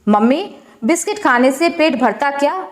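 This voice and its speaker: Woman voicing a gentle young daughter-in-law. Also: high-pitched, expressive, normal speed. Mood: pleading. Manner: soft, pleading. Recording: roomy echo.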